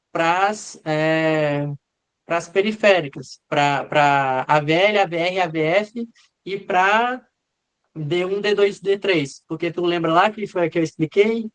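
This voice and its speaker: A man teaching a live online class in an informal way, answering students by name and acting out what the leads are saying. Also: high voice. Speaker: medical lecturer.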